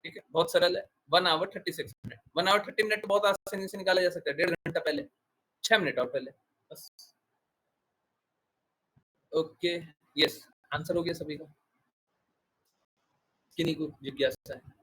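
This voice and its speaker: A man's voice: fairly high pitch, steady tone, normal speed, pauses often, bright, forceful tone, low-quality recording. Emphatic man teaching a devotional class. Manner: emphatic and repetitive, asking rhetorical questions. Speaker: spiritual teacher answering devotees' questions. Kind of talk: devotional question-and-answer class.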